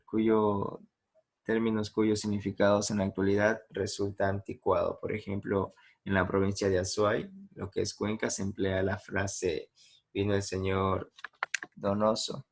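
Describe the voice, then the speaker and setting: A low, gravelly male voice with an Ecuadorian accent, teaching a class over a video call. He explains patiently, stopping for examples and asking his students whether they follow. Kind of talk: online class lecture.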